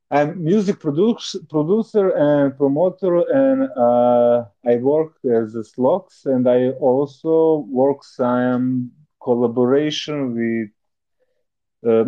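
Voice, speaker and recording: A man speaks very slowly in a low, mellow voice, pausing to search for words. His audio is dull and lo-fi, like an online call. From Serbia. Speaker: guest, music producer. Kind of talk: casual self-introduction.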